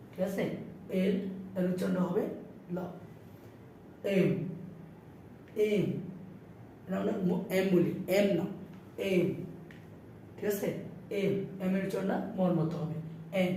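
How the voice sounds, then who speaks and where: A man's voice: sits high, warm tone. A man teaching English letter sounds, repeating each one and checking in with his listeners. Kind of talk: spoken pronunciation lesson. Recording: echoey room, distant mic, faint noise.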